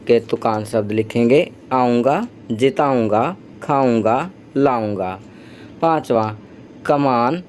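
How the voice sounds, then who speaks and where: A male teacher, patient and slow, taking children through a worksheet step by step. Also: medium pitch, a little mellow, a little hiss or hum.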